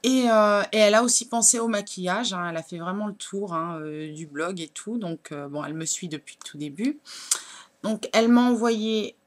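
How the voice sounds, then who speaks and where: A woman's voice: mid-range voice, moderate pace. Beauty blogger lady chatting thru an unboxing, lots of euh and donc, easygoing. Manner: chatty, many fillers, shows products to camera. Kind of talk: casual product unboxing vlog.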